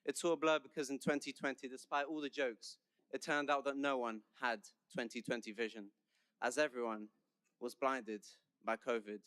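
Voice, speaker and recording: A man's voice: medium pitch, steady tone, moderate pace, fairly bright tone, clean tone, no room sound, studio quality. A young man with a London English accent giving a chatty, joking commencement speech as the senior class speaker. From London, England. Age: young adult.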